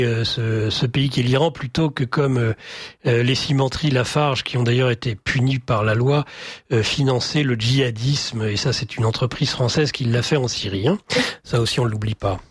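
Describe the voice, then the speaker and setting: A man's voice: mid-range voice, no echo. Radio host guy, lots of euh, courteous, dry close mic sound. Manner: halting, many fillers, formal courteous address. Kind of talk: radio talk show, reading listener messages.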